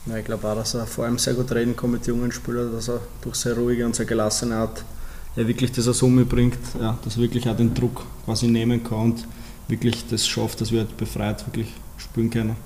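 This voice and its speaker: Flat-voiced young man. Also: medium pitch, fairly quick, a little hiss or hum. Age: 20s. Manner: even, flat delivery with many fillers. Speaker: footballer. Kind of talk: interview answers.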